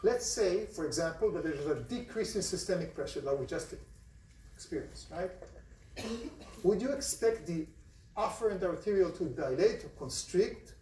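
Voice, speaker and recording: His voice is high and dark, with lively intonation and a normal speaking speed, and there's slight background noise. The man, who has an Israeli accent, gives a conversational lecture to a large university class, frequently questioning the students. It was phone-recorded from the audience seats, so the lecture hall sounds distant and roomy.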